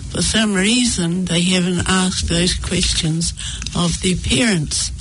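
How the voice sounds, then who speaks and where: An older woman talking reflectively as a radio guest, hesitant and halting as she gathers her thoughts. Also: fairly low pitch, a little hiss or hum, rough recording. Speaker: guest speaker, social worker. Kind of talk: reflective radio interview talk. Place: radio studio.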